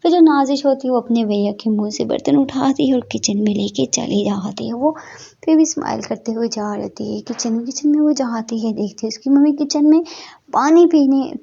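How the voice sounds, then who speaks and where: Woman, casual storyteller, repetitive narration, gravelly, mellow. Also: on the high side, moderate pace. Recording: dull lo-fi recording.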